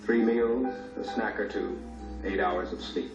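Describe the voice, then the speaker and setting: A man's voice: on the low side, fairly even intonation, unhurried, far from the mic, over music. A man reading scripted documentary narration in a solemn, poetic way, with dull and echoey sound.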